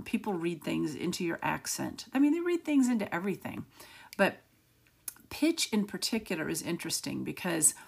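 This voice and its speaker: A middle-aged woman hosts a podcast on her own, her lowish voice raspy and gravelly. She talks fast, with a slightly manic energy.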